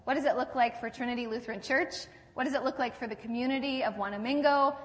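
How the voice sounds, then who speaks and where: A woman's voice: a little high, steady tone, fast, big-room sound. A woman pastor giving a sermon in a conversational storytelling way, asking her listeners questions as she goes.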